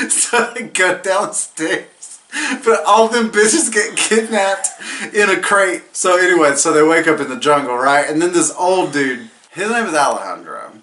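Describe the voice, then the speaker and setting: A man's voice: high-pitched, animated, unhurried, sharp tone. A drunk man giving a casual comedic movie recap, rambling, giggly and swearing, and losing track of names as he goes. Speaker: host of a drunk movie review.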